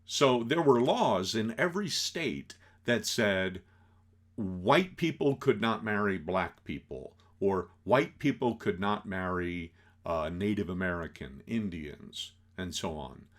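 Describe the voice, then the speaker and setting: A man walks through an old film scene by scene in a casual, unhurried lecture. His pitch swings widely as he acts out the characters' lines, and he often stops to fill a gap with "you know". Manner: animated, acts out quotes, many fillers. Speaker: teacher explaining an old film.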